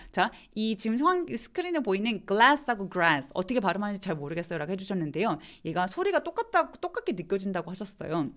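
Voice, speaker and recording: A woman teaching English pronunciation in a live online lesson, slowly demonstrating words and answering viewer questions. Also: medium pitch, a bit bright.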